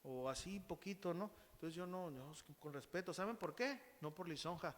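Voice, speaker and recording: A Mexican Spanish-accented man preaching to his church, his voice sitting high for a man. He talks to the congregation in a loose, conversational way. The sound has a long, ringing hall reverb. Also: animated. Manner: conversational, addresses congregation as brothers; uses quick acted quotes of others. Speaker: pastor. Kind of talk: sermon.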